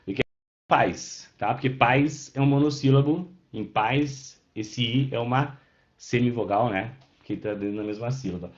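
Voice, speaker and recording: A man teaching a Portuguese class who explains step by step, checks often that students follow and answers them by name. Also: medium pitch. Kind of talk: online class lecture. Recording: roomy, dull lo-fi sound.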